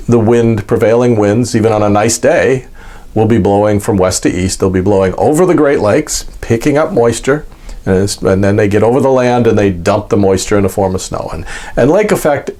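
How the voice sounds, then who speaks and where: An American man giving an informal, unscripted explanation in a halting, folksy way, repeating words as he goes. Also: lowish voice, a little mellow. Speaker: host of an explainer vlog.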